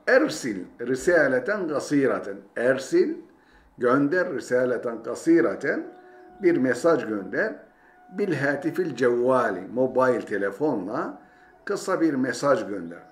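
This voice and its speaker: A man's voice: mid-range voice, sing-song, unhurried. A man teaching a language lesson, saying each phrase twice and then translating it. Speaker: Arabic teacher. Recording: roomy echo, faint ambience.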